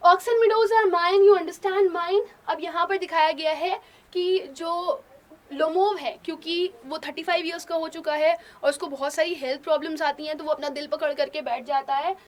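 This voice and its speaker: A woman's voice: sits high, steady tone, normal speed. A woman English teacher explaining a play, line by line, in simple Hindi for students. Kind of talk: bilingual classroom story explanation.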